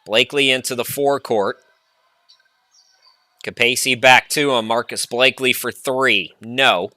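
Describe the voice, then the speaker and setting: A man calls a basketball game play by play. His voice is bright and forceful, at a middle pitch, and sounds dry and close to the mic. He drifts into chatty side stories between quick calls of the action. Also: dry recording. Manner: chatty, rambling asides between excited calls. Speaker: play-by-play announcer.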